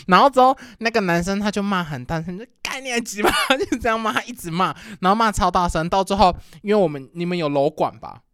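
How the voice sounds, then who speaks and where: A young man co-hosting a casual chat show, telling stories in an animated way with loud laughs. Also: high-pitched, fast talker, few pauses, clean tone, dry recording, studio quality. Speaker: podcast co-host.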